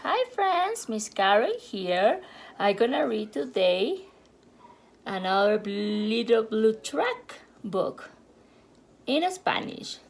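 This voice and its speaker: Slow, sing-song woman reading a picture book. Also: on the high side, creaky. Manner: lively, sound effects in a sing-song voice; switches between two languages line by line. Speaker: children's storyteller.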